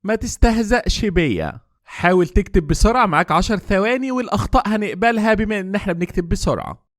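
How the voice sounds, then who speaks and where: A man with an Egyptian Arabic accent teaching English, quizzing his viewers and saying the model phrases slowly and deliberately. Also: sits high, dry recording, clean studio sound. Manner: lively quizzing delivery. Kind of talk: language lesson quiz.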